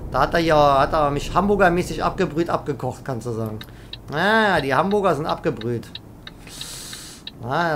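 A man's voice: on the high side, fairly bright tone, a little hiss or hum. A man giving casual gaming commentary as a let's play host, rambling and joking with bursts of improvised silly singing.

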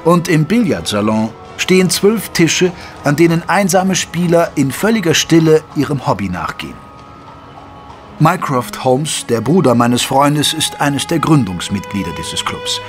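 An actor playing a gentleman doctor who narrates a German detective radio play in a measured, formal storytelling manner. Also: a little high, big pitch swings, faint music behind. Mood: composed, descriptive. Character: gentleman doctor recounting his detective friend's cases. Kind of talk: scripted first-person radio play narration.

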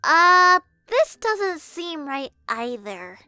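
A woman's voice: very high voice, big pitch swings, drawn-out words, pushed and bright, no echo, faint music behind, full character voice. A woman voicing a tiny, innocent, cheerful girl kitten with a childlike manner in a comic dub. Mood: puzzled. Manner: childlike, wide-eyed.

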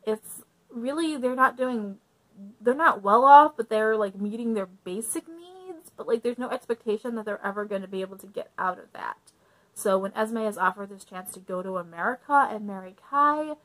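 A woman's voice: medium pitch, fairly bright tone, low-quality recording. A young woman talking casually through a book review, friendly and chatty, with frequent ums and likes.

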